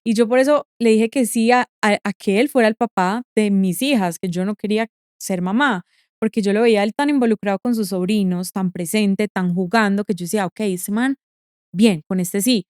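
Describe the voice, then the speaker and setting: A woman's voice: mid-range voice, brisk, a little mellow, no room sound, clean studio sound. A woman, a podcast guest who tells stories animatedly and acts out the dialogue she quotes. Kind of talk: casual interview chat.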